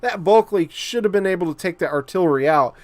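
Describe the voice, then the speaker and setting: A man commentating a strategy game battle for his channel, excitable and incredulous, often stammering and repeating himself. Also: high-pitched, fast talker.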